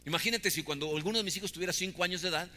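A pastor in his 50s preaches a sermon in a large hall, his voice high-pitched, racing, pushed and bright. He keeps it conversational, frequently tagging "¿no?" onto his points.

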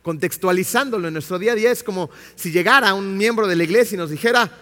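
A man preaching a sermon in a church, emphatic and animated, often putting questions to the congregation. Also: sits high, quick pace. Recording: long reverb of a church hall.

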